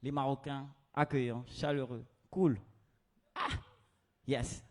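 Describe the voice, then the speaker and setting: A man performing live stand-up comedy as the show's host, talking in an animated way and booming announcements to the crowd. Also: slow pace. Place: live comedy show on stage.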